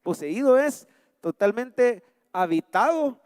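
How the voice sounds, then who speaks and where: A male pastor preaching with emphasis, often firing questions at his congregation. His voice sits high and rings smooth and resonant. The mic is close, but a long church reverb trails behind each phrase. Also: animated, slow pace, a little mellow. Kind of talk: sermon with scripture reading and prayer. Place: church sanctuary.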